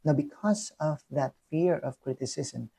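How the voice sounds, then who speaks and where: A young adult vlogger from the Philippines, with a Filipino accent, unhurriedly works through an earnest personal reflection, peppered with ums and false starts. His fairly high voice is warm yet gravelly and husky.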